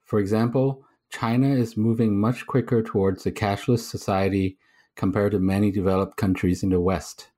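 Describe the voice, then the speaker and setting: A man hosting a podcast, reading a measured intro and then asking questions with some halting restarts. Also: lowish voice, steady tone, dark tone. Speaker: podcast host.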